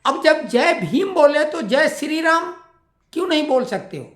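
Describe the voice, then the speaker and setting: A woman's voice: high voice, sing-song, normal speed. A woman delivering an opinionated monologue as a political commentator, building her points through a string of pointed rhetorical questions. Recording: roomy echo.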